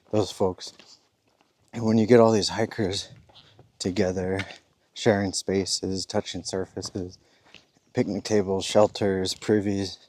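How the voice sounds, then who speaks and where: Man, deep voice, easygoing hiker vlog, talks while walking outdoors. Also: darkish tone. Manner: rambling, easygoing, with chuckles. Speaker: thru-hiker vlogger. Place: outdoors on a forest trail.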